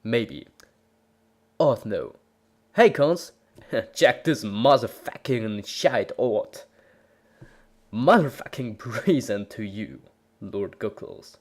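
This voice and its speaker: This amateur fan fiction reader delivers a story with bombastic theatricality, lurching between whispers and shouts. His voice sits on the low side and is expressive, stretching out words and pausing often.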